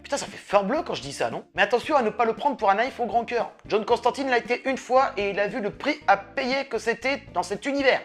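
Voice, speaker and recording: A woman hosting a comics review video, lively and sarcastic, swearing casually as she talks. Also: a little high, brisk, few pauses, faint music behind. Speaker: host of a comics review channel.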